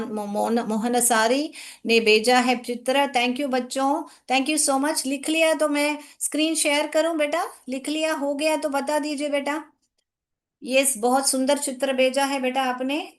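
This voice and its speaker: Woman teacher, high voice, slow and patient, online class, reads sentences word by word. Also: fairly even intonation. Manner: slow, patient, calls students "beta".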